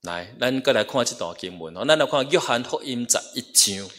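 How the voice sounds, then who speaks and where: A man preaching a sermon in a church hall, pausing for an interpreter and rising to emphatic peaks. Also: mid-range voice, lively intonation, a bit bright.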